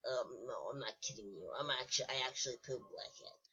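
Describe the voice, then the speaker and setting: A woman's voice: extremely low pitch, expressive, brisk, pushed and bright, husky, voice pushed down, heavily acted. A woman voicing a nervous, sneaky bunny that stammers and hesitates. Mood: sheepish. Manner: hesitant, stammering, full of ums. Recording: muffled lo-fi recording.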